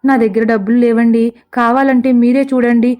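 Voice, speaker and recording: A woman's voice: on the high side, flat delivery, moderate pace, a little mellow, close to an everyday voice. A woman voicing a meek, polite young man who keeps apologizing, in a comic story. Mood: pleading. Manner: polite, pleading.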